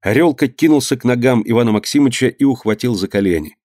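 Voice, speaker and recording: A man's voice: medium pitch, animated, a little mellow, no echo. Brief: a male narrator reading a dramatic tale evenly, dry and close to the mic. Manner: measured, dramatic reading that voices the figures. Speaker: audiobook reader. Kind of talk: storytelling narration.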